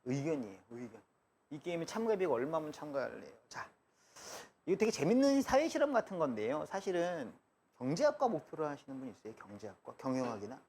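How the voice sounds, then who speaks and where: A man's voice: a little high, sing-song, fast talker, a little mellow, slight background noise. A man teaching math in a live classroom lecture, chatty and joking, drifting between asides and explanation. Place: lecture room.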